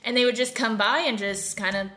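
A woman's voice: on the high side, steady tone, fairly quick, pushed and bright. A woman co-hosting a casual podcast, rambling through a story with lots of fillers. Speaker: podcast co-host. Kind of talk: casual chat.

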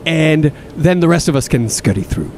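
A man's voice: lively intonation, normal speed, a little mellow. A male actor playing a bossy, foul-mouthed gang leader who is sarcastic, florid and theatrically wheedling. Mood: coaxing, bossy. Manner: sarcastic, florid, swearing emphatically. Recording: faint background rumble.

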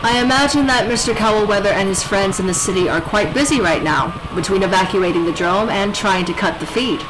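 A woman's voice: mid-range voice, a little fast, noisy background, natural voice. A woman playing a defiant rebel leader who broadcasts threats in a grand, coolly menacing manner. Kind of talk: audio drama acting.

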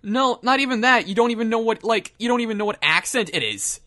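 A man's voice: very high voice, expressive, quick pace, bright, forceful tone. A young man in casual podcast chat, telling a mocking story with lots of laughter.

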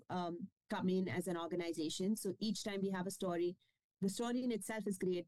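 A woman's voice: medium pitch, warm tone, no room sound, rough recording. A woman being interviewed about her children's books, talking casually with lots of fillers and restarts. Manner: chatty, many fillers and restarts. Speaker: children's book publisher and author.

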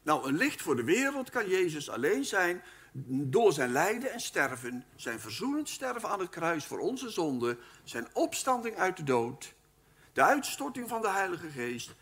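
A man giving a Bible teaching lecture at a live event, speaking in an animated, emphatic way and addressing his listeners formally. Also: high-pitched, a little slow, husky. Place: live talk at a weekend event.

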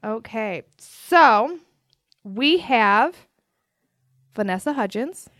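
A woman's voice: on the high side, expressive, extremely slow, fairly bright tone, dry recording, studio quality. A woman co-hosting a podcast, telling stories and running a quiz game with lots of laughing. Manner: giggly, storytelling. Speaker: podcast co-host, game runner. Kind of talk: casual chat.

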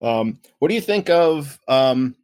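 A man's voice: medium pitch, lively intonation, unhurried, a little mellow, smooth, no room sound, clean studio sound. A young man co-hosting a casual sports podcast, rambling and wry, often correcting himself mid-sentence. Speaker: podcast co-host.

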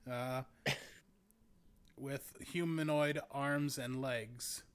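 A man narrating a tabletop game as game master, describing scenes in a halting, searching way. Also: medium pitch, steady tone, smooth.

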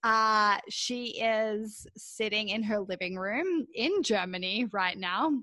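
Hosting her podcast over a remote call from her apartment, a woman with a medium-pitched, sharp voice speaks slowly with no echo. She is upbeat and laughs often while introducing and interviewing her guest.

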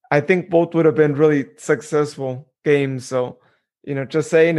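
A man co-hosting a casual podcast, talking in a rambling way with lots of fillers. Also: on the high side. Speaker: podcast co-host.

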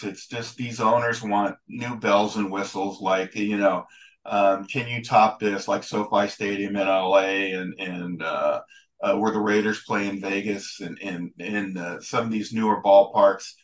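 A man being interviewed as a guest photographer and historian, talking casually in a rambling, halting way with many restarts. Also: fairly low pitch, fairly even intonation, rough recording.

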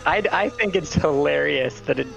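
A man's voice: fairly high pitch, moderate pace, gravelly, muffled recording, music in the background. A man in a casual chat, musing hesitantly and with amusement about the results. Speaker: podcast co-host.

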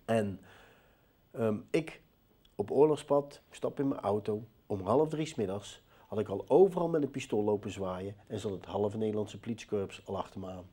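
Dark-voiced man telling his story. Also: on the low side, moderate pace, husky. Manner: lively storyteller who acts out dialogue. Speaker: interview guest telling his life story. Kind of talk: personal testimony in conversation.

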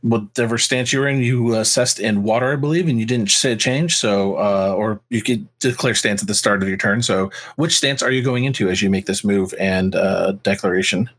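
A man acting as game master in a tabletop role-playing session, talking in a relaxed way with many fillers. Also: on the low side, normal speed, hardly any pauses.

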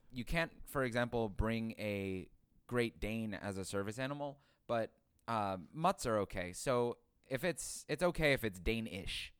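A man co-hosting a podcast, trading puns in casual banter and delivering them deadpan. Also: on the low side, clear, resonant tone, no room sound. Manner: deadpan punning. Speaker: podcast co-host and editor. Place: dining room.

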